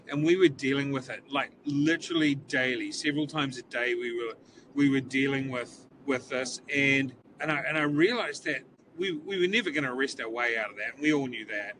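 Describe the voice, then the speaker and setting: Sitting in a police cruiser, a New Zealand-accented police chief in his forties answers a casual interview earnestly, his medium-pitched voice repeating words as he works through thoughts. The mic is distant, and vehicle noise comes through.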